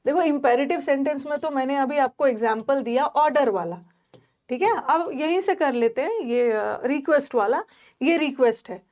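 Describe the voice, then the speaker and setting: A woman's voice: sits high, expressive, normal speed, a little mellow, dull audio. A young woman teaching an English grammar class, chatty and talking straight to her students with many fillers and restarts. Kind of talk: online class lecture.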